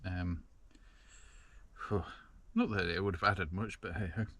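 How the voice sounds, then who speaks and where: A man's voice: low voice, steady tone, measured pace, sharp tone. A man chatting casually to camera from inside a small parked van, rambling with lots of ums. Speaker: van-life vlogger.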